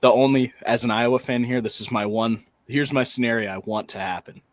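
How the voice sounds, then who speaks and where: A man's voice: medium pitch, steady tone, a little fast, no room sound. A man co-hosting a casual college football talk show, steadily laying out playoff scenarios point by point. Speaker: sports podcast co-host.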